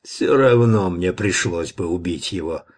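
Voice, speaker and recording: A man's voice: low voice, unhurried, husky. A man voicing a commanding male bat-man leader in an audiobook, imperious and clipped. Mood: stern.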